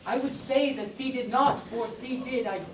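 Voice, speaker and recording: A young woman playing a pompous young male playwright in a high school stage comedy, speaking florid mock-Elizabethan lines. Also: moderate pace, noisy background, close to an everyday voice. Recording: distant stage mic, echoey hall, crowd laughter.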